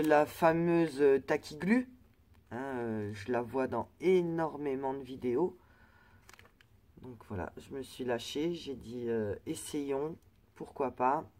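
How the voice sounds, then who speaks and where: A woman's voice: rumbling low, a little mellow. A woman vlogger chatting casually through a crafting haul, hesitant and full of fillers and restarts. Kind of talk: casual product haul chat.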